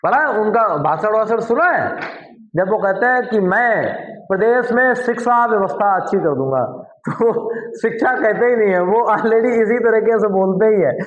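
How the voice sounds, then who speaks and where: A male teacher with a high voice walks his students through the lesson step by step, often stopping to ask them questions. The sound is a little muffled and echoes off the walls of the room. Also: expressive, moderate pace. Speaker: Hindi teacher. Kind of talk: classroom lesson.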